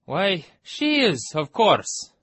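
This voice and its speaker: A woman voicing a solemn, self-important dodo bird who speaks slowly and gravely. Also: lowish voice, big pitch swings, a bit bright, no room sound, exaggerated voice. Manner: slow, solemn, pronouncing.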